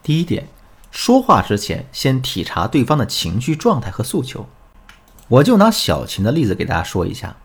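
A middle-aged man hosts a relationship advice show, telling stories and giving lessons. His husky voice swings lively up and down as he explains. He sits at a middle pitch for a man. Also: normal speed. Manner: animated, instructive storytelling. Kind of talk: storytelling advice talk.

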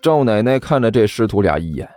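A man narrating an audiobook in an expressive storytelling manner. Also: fairly low pitch, fairly quick, no echo, faint music behind.

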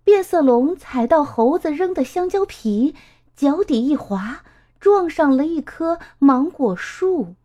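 A woman reading a children's storybook aloud. Her voice is high and sing-song, with lots of rise and fall. She takes it slowly and gives every line plenty of expression. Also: animated, dark tone.

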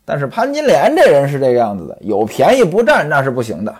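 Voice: mid-range voice, wildly swooping pitch, fast, a little mellow, husky. A storyteller retelling a classic novel in a chatty, traditional oral style, stepping out of the tale with asides to the listeners.

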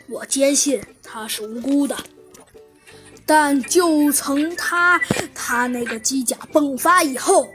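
A woman voicing a worried male wolf who sighs and halts as he recounts strange troubles. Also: high voice. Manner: sighing, halting storyteller's retelling.

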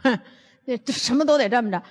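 An older woman gives a lively lecture. She tells stories bluntly and throws rhetorical questions at the audience. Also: fairly high pitch, fast, big-room sound. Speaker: lecturer on health and nutrition.

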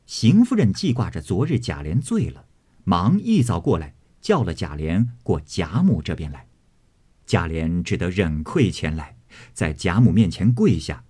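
A man narrating a classic novel as an audiobook in an expressive storytelling manner. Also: low-pitched, a little slow, breathy edge.

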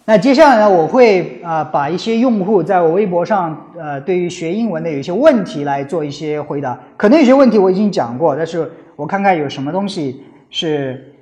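A man's voice: high voice, lively intonation, fairly quick, few pauses, a little mellow. Earnest man mixing in English phrases. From China. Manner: earnest, mixes English phrases into his talk. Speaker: English-learning advice speaker. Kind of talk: casual spoken lesson. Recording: faint music behind.

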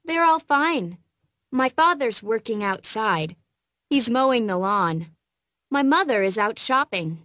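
A woman's voice: on the high side, lively intonation, takes it slowly, a bit bright, dry recording. A woman reading a friendly young woman's lines in a scripted textbook dialogue, carefully enunciated.

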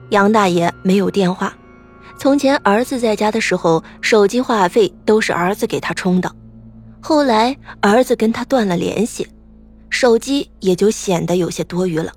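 Woman, storyteller, fairly high voice, expressive narration, faint background music.

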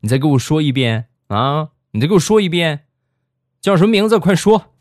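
A man voicing a domineering young female nurse who shouts her demands. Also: a little high, very animated, a little fast, noisy background, voice pushed up. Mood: furious.

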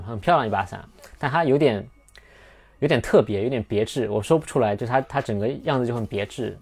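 A man's voice: medium pitch, gravelly, darkish tone. A young man hosting a podcast, telling a personal story in a casual, rambling way with many restarts and fillers. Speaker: podcast host.

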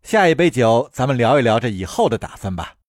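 Man doing a humble sincere young suitor, courteous, mid-pitched, lively intonation. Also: fairly quick, no room sound, studio quality, natural voice. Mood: hearty. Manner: courteous, warm-hearted.

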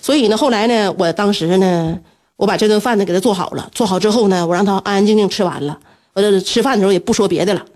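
A woman, a radio host telling a story in an animated way and laughing often. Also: fast talker. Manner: animated, laughing often, breaks into shrill scolding.

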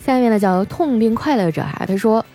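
Lively woman host reading jokes. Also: fairly quick, soft background music. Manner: animated, laughing at punchlines, jumps high for quoted lines. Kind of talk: lively joke reading with put-on voices.

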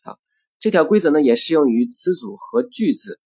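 A man teaching English pronunciation in a recorded lesson. He works through the rules step by step, using filler particles, and models English example words in a measured way. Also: on the high side, very animated, vocal fry, warm tone, husky, no room sound.

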